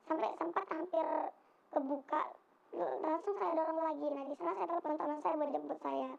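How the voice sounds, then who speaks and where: A young woman giving spoken testimony, halting and hesitant with many fillers, on a dull lo-fi recording. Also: high-pitched, fairly even intonation, vocal fry. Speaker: interviewee recounting an assault.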